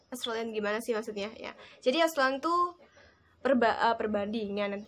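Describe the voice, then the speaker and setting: A young woman casually talking viewers through tips in a vlog, chatty and often calling them guys. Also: fairly high pitch. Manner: chatty, addresses viewers as guys, lively emphasis. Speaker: vlogger teaching English tips. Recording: faint background noise.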